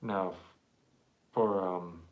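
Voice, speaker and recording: A man live-streaming an accordion repair, chatting casually and haltingly to viewers while he works with his hands. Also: sits low, fairly even intonation, narrow, tinny audio.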